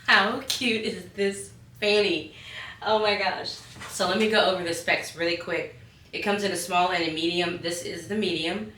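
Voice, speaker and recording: A bubbly woman hosts a casual craft vlog in a hoarse voice with a smoker's rasp. Her pitch sits a little low. The room adds noticeable echo, with faint noise underneath. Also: fairly even intonation, normal speed, pushed and bright. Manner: bubbly, gushing. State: hoarse from being sick. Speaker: host of bag-sewing tutorials. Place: small indoor craft studio. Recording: roomy echo, background hiss.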